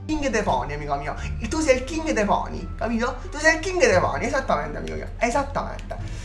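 A man chatting over an online game, excitable and switching between soft talk and shouting. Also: extremely high pitch, brisk, soft background music. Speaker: gamer and video host.

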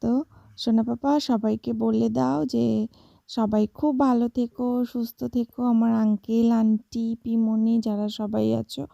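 A woman's voice: a little high, little pitch movement, normal speed, vocal fry, warm tone, no room sound, highs cut off. A woman chatting fondly as a mother in a casual home vlog, using "to" as a filler. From Bengal. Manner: fond, chatty, repeats "to" as a filler. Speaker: mother vlogger.

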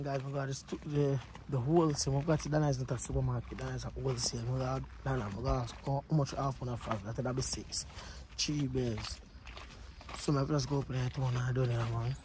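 A young man with a Jamaican accent vlogging casually, rambling and talking straight to his viewers as he walks outdoors with a phone held low. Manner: rambling, talks to viewers directly. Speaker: family vlogger. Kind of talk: casual vlog chat. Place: outdoors on a street. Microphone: phone held low at arm's length. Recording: loud street noise with traffic. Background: traffic and street ambience.

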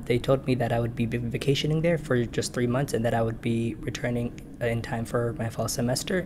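A young man, born in Kenya and raised in Minnesota, gives an earnest, measured documentary interview about his own life. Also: mid-range voice, noisy background. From born in Kenya, raised in Minnesota, United States. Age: young adult. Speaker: interviewee telling his personal story. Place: indoor room with a lamp, seated. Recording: clear music bed underneath.

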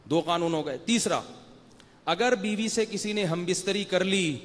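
At a Ramadan night lecture, an Islamic scholar speaks in a high-pitched voice trailed by long reverb. He addresses the live audience in a conversational religious talk, weaving in anecdotes and rhetorical questions.

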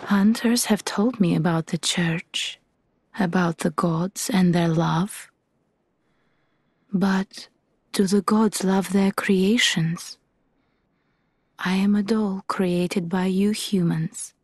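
Give this game character the voice of a talking doll: gentle, solemn and devoted. She speaks in a very breathy, hushed whisper, with slow, formal phrasing and a close, soft delivery. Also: fairly low pitch, steady tone, no echo, heavily acted. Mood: wistful, devoted. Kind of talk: video game character dialogue.

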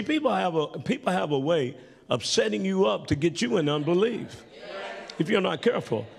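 High-voiced preacher in a reverberant church. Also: male voice, vocal fry. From Tennessee, United States. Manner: builds from calm storytelling to shouted praise. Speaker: pastor. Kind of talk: sermon with storytelling. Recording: long reverb of a church hall.

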